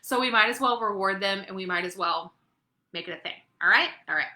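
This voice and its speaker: A woman's voice: mid-range voice, brisk, sharp tone, roomy sound. A woman leading a webinar training for her sales team, upbeat and chatty, often checking in with "okay?" and "right?". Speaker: network marketing team leader.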